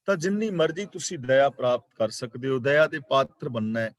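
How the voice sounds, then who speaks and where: A man teaching a daily scripture class online, explaining the meaning of each word, correcting pronunciation and reciting verses slowly. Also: mid-range voice, lively intonation. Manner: slow, deliberate recitation of verses. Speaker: religious teacher. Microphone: online class microphone.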